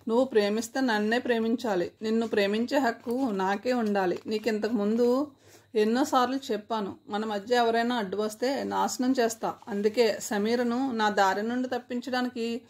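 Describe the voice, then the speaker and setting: A woman's voice: fairly high pitch, fairly even intonation, moderate pace, darkish tone. Woman playing a jealous, spiteful young woman. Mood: possessive. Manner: spiteful, vehement.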